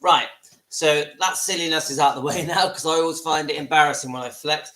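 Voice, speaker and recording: A man's voice: fairly high pitch, brisk, pushed and bright, roomy sound, rough recording. Chatty West Country man in his fifties. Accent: West Country English. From southwest England. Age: 50s. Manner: chatty, earnest, self-deprecating. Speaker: vlogger. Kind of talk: casual live video talk. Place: at home, seated.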